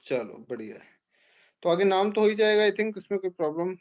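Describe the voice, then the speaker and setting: A man's voice: high voice, big pitch swings, fairly quick, muffled recording. A man teaching an organic chemistry class, explaining step by step and checking in with questions to his students. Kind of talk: classroom lecture.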